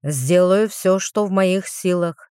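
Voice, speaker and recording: A woman's voice: fairly low pitch, slow pace, dark tone, smooth, dry recording, studio quality. A woman voicing a reserved, courteous young man who is a tiger shifter.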